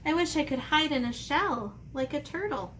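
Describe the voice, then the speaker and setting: An elementary art teacher talks to children in a read-aloud and drawing lesson, giving simple, playful, step-by-step explanations with playful asides. She's animated and sits high in pitch, speaking at normal speed with a fairly bright tone over a little hiss or hum.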